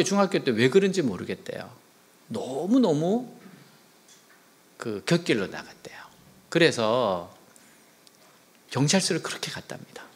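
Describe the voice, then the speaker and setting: A man's voice: medium pitch, vocal fry. A middle-aged man, a professor, preaching a sermon and telling a story, often dropping into whispered asides.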